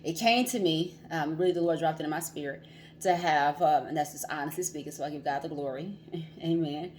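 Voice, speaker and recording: A woman's voice: deep voice, fairly quick, darkish tone, slight background noise. A woman hosting a casual livestream as a financial coach, chatty, laughing often and repeating herself.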